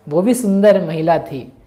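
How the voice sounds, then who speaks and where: A woman's voice: lowish voice, warm tone. A woman teaching a scripture lesson, explaining a story and chanting verses in between.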